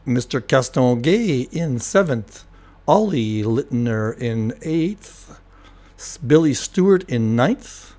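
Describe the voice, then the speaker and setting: An older man commentating a racing replay at an everyday mid pitch, his slightly hoarse voice cracking now and then as he clears his throat. He talks loosely and rambles, with plenty of ums and restarts. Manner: relaxed, rambling, many fillers and restarts. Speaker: host of a sim racing replay show. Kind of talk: casual race replay commentary.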